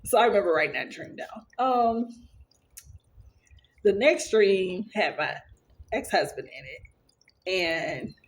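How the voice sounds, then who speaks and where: A woman's voice: medium pitch, lively intonation, slow, pauses often. Earnest woman rambling through a story. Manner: rambling, with many fillers and restarts. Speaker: vlogger sharing her dreams. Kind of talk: casual storytelling to camera.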